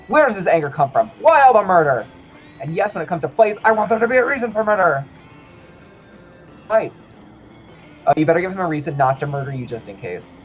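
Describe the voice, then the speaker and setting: A man playing a video game with friends on a stream, reading game text aloud, swearing and laughing often. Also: sits high. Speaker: gamer. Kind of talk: casual game stream chat. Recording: muffled lo-fi stream audio, faint music.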